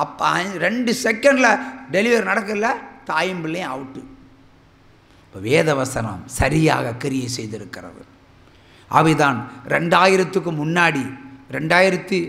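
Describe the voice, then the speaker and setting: A middle-aged man preaches with a gravelly, bright voice pitched a little high. He swings dramatically between loud exclamations and low murmurs while telling a personal story. His voice rings out in a hall with long reverb. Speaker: pastor.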